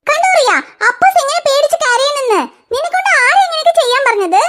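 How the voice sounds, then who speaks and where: A fussing cartoon mother, played by a woman who scolds in an exasperated way. Her voice sits extremely high and squeaky, almost childlike. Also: lively intonation, fast, fairly bright tone, a little hiss or hum. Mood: scolding. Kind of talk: cartoon voice acting.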